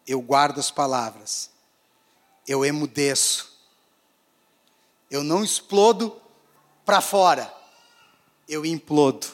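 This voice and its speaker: A male pastor preaching a sermon, swinging between raised, emphatic phrases and hushed, quiet ones. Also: on the high side, slow, pauses often. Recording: long hall reverb.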